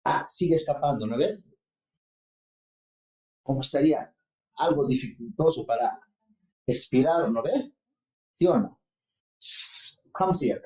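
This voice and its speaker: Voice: mid-range voice, lively intonation, mellow. Roomy-sounding lecturer checking in with class. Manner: explains slowly, checks in with the class often. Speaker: linguistics lecturer. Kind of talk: university seminar lecture.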